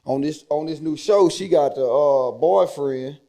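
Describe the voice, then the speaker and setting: A man's voice: fairly high pitch, unhurried, creaky, warm tone. A man hosting a podcast, telling stories and talking casually in heavy slang. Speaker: podcast host. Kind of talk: casual chat and storytelling.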